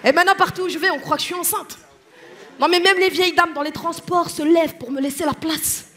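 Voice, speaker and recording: Woman, from Tunisia, stand-up comedian, playful, high-pitched, noisy crowd. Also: fairly even intonation, fast talker. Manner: playful, switching into mimicked voices. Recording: live stage with loud audience laughter and noise.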